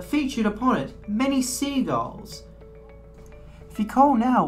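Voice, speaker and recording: A woman delivers a scripted parody sales pitch in a lively, varied tone. Her voice sits at a middling pitch, with faint music behind it. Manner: mock-salesy, scripted patter. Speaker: infomercial presenter.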